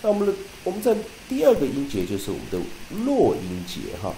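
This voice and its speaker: A man teaching English pronunciation, reading dictionary entries slowly and deliberately, then explaining with many repeated terms and "ah" fillers. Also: mid-range voice, wildly swooping pitch, warm tone, reverberant, slight background noise, low-quality recording.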